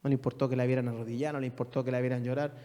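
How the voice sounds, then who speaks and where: A man's voice: mid-range voice, little pitch movement, rapid-fire, warm tone. A man, a pastor preaching a sermon and firing rhetorical questions at his congregation. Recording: long reverb of a church hall.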